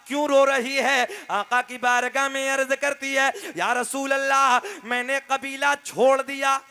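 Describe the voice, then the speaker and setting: A male preacher telling a story in a drawn-out, sing-song sermon style that rises to shouts, with quick low asides to the crowd. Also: little pitch movement, soft background music.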